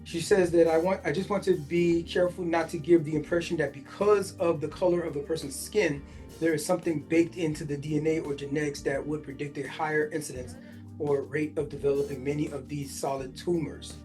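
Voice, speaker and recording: A man's voice: on the high side, steady tone, fairly quick, darkish tone, soft background music. 40s guy podcasting, reads an article then riffs on it casually, lots of um and you know. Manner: reads a news article aloud, then breaks off to react with many fillers. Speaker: podcast host. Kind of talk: casual commentary reading news aloud.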